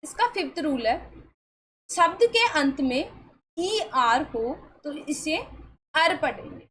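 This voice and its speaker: Female online teacher with a high voice, coaxing and reassuring, quizzing students. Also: big pitch swings, slow, sharp tone, slight background noise, poor audio. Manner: asks the class questions and answers them herself. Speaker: English pronunciation teacher. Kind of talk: online classroom lesson.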